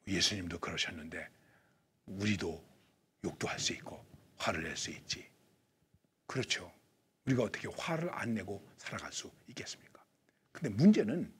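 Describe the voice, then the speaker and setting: A man preaching a sermon, asking his listeners questions, rising to loud emphatic lines and dropping to breathy near-whispers. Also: mid-range voice, a little hiss or hum. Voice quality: very husky, breathy. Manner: asks the listeners rhetorical questions. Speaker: pastor.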